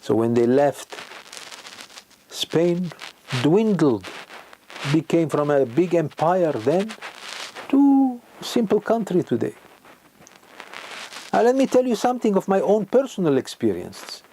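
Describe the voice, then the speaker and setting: An older man, a rabbi preaching a sermon with emphatic rhetorical questions and sudden rises in pitch. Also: very animated, slow pace, pauses often, dark tone, slight background noise, poor audio. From Morocco.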